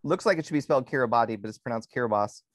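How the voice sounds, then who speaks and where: A man's voice: medium pitch, animated, very fast, breathy edge, no echo. Hesitant man chatting, dry sound. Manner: hesitant, many ums and restarts. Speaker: podcast co-host. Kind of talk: casual conversation.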